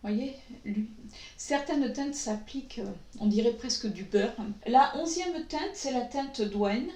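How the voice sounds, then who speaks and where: Slow-talking woman, echoey room. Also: fairly high pitch, animated, mellow. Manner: slow, hesitant, many pauses and fillers. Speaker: beauty vlogger. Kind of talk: makeup tutorial talk.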